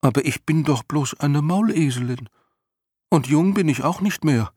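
A man's voice: a little high, animated, moderate pace, a little mellow, breathy edge, no echo, voice pushed up. A humble aging female mule speaks in a storybook reading, meek and easily startled, as a man voices her. Her voice sits far above a man's natural register. The recording is close and dry.

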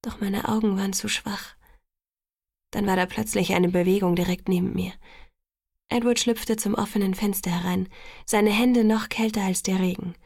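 A woman reads a first-person novel in a hushed, half-whispered voice. Her tone is gravelly with a little creak, and the close, dry recording has no room sound. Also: mid-range voice, steady tone, normal speed, no room sound. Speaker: audiobook narrator.

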